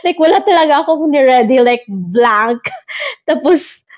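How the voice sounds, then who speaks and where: A young Filipino woman vlogger telling a story in a casual, excited way, giggling often and mixing two languages. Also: high voice, a little slow. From Philippines. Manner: excited, giggly, mixes Tagalog and English.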